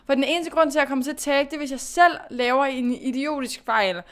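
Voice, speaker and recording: Playing a horse racing game, a gaming YouTuber talks to herself in casual commentary, alternately scolding and encouraging herself. She is a young woman with a high, fairly bright voice.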